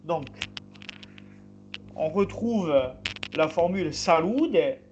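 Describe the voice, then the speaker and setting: A man teaching a group language class over a video call, explaining slowly with many pauses and fillers. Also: on the high side, expressive, a little mellow, a little hiss or hum. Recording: slightly muffled video call audio.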